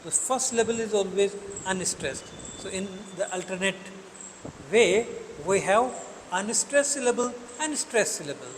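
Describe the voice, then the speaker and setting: Guy teaching a poem really slowly, fairly high voice, reverby room with faint insects outside. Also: lively intonation, slight background noise. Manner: mixes Hindi and English, checks understanding often; slow, deliberate, spells words out. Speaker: English literature teacher. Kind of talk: classroom poetry lecture.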